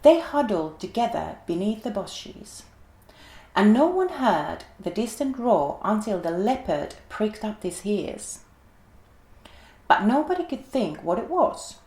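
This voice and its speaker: A woman gently and expressively reading a children's story aloud in an echoey room. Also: medium pitch, big pitch swings, slow pace.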